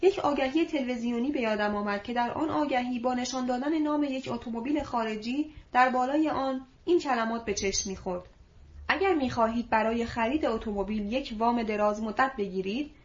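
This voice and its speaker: Polite, curious young man, read by a woman with a fairly high voice; lo-fi audiobook. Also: lightly acted. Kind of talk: audiobook reading. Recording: dull lo-fi recording.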